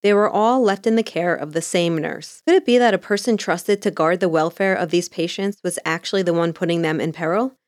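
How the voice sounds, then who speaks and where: A woman's voice: on the low side, fairly quick, hardly any pauses, darkish tone. A woman co-hosting a podcast, telling the story as a true crime narrator in a conversational way. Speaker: podcast co-host.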